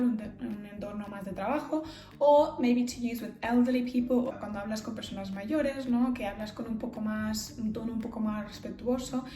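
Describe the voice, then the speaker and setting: In an echoey room, a woman with an English accent from England teaches phrases bilingually, moving patiently between English and Spanish. Her voice is on the high side and a little mellow.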